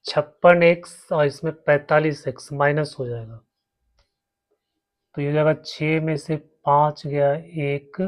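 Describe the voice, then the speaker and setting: A man teaching a maths lesson, walking his students through each step and repeating terms as he writes. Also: fairly high pitch. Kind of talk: slow blackboard maths lesson.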